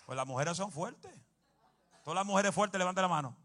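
Forceful preacher, loud bursts. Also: male voice, high-pitched, a little fast, a little hiss or hum. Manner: animated, humorous, bursts into shouting. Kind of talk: sermon.

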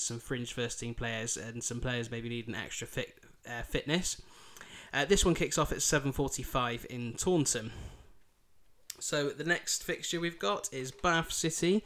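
On his football podcast, a man with a thick Yorkshire accent from Bridlington, East Yorkshire, England, runs through upcoming fixtures, part scripted, part casual chat. He sounds informal and chatty, with a medium-pitched, slightly bright voice.

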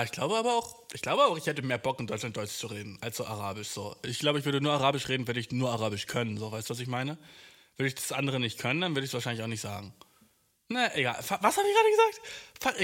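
A man's voice: mid-range voice, big pitch swings, fast talker, a bit bright. A young man podcasting in a casual, rambling monologue, full of slang, fillers and "Dude".

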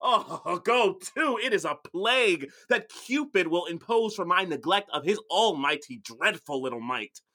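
A witty young lord, played by a stage actor, declaims his lines slowly and grandly while mocking himself. His bright voice swoops widely. He delivers Shakespeare with a laughing edge. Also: medium pitch, expressive, heavily acted. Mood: lovesick ranting.

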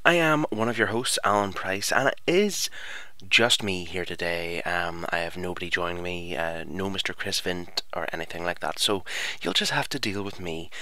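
A man's voice: sits low, normal speed, bright, forceful tone, no room sound. A man hosting a podcast alone in casual, informal talk, recorded on a headset microphone. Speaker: podcast host. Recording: close dry headset microphone sound.

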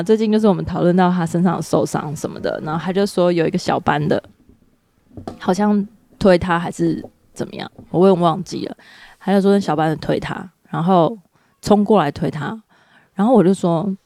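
Gravelly-voiced woman in casual chat. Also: lowish voice, fairly quick, mellow, no room sound. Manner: thoughtful, searching for words. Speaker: podcast co-host.

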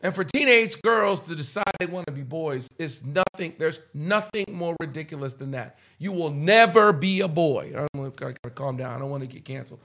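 Emphatic high-voiced man in his fifties. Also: animated, a little fast, few pauses, sharp tone. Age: 50s. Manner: emphatic, repeats "okay?" often, acts out quotes. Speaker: guest. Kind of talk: animated storytelling in a podcast chat.

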